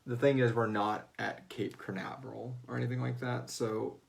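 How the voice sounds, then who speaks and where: An American man from Houston, the writer of a fiction series, hosts a livestreamed fan Q&A. His medium-pitched voice is gravelly, with a level tone and normal speed. He chats casually and jokingly, keeping things informal and breaking into playful voices.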